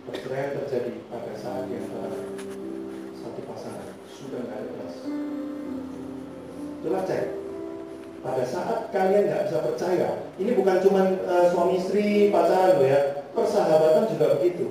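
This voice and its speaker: A man preaching a sermon, swinging between loud rises and hushed passages. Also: on the high side, moderate pace, pauses often. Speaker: speaker. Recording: far-off mic in a very echoey hall with music.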